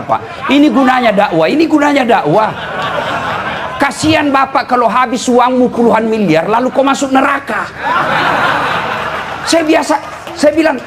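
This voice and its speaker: A man from eastern Indonesia with a lilt, preaching a humorous sermon to a live audience, teasing and often shouting and laughing. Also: very high voice, background noise. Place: live event before an audience.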